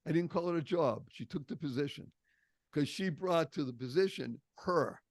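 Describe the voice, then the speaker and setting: Older boston guy, podcast guest, storyteller punching key words, highish voice. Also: animated, normal speed, no echo. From Boston area. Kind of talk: storytelling interview.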